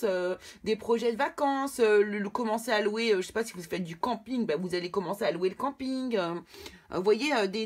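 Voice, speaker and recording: A woman from France doing a casual tarot reading for viewers, often hesitant and repeating her words. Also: mid-range voice. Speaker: tarot card reader.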